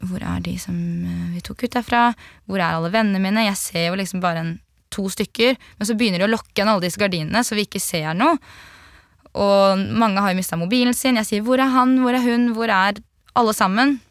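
A young woman giving a vivid eyewitness account in an interview, acting out the shouts of people around her. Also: medium pitch, dry recording, studio quality. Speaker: interviewee, partygoer.

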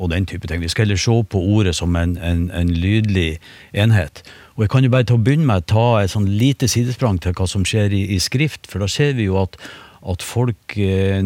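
A low-pitched man talks in a dry, close studio sound, explaining step by step as a radio panel expert. He takes his time, fills gaps with hesitations and restarts half-finished phrases. The delivery is patient and conversational. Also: a little mellow, no echo. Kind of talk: explaining on a radio talk show.

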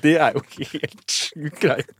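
A man chatting as a guest, telling a story with lively acted-out voices and sudden shouts. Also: fairly high pitch, slightly rough, dry recording. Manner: animated, acts out voices and shouts in his stories. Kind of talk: casual podcast chat, lively storytelling.

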